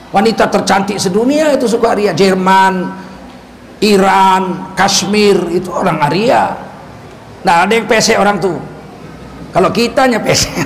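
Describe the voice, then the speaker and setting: A male Islamic preacher telling stories in a sermon, animated and joking as he goes. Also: high voice. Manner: animated storytelling with jokes. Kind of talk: sermon storytelling. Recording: echoey hall, faint background noise.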